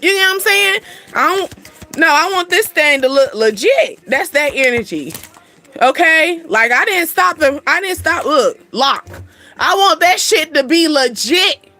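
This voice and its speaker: A woman's voice: high-pitched, expressive, a little slow, bright, forceful tone. A woman hosting a casual card reading for viewers, slangy, blunt and playful, laughing often. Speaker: spiritual card reader and channel host.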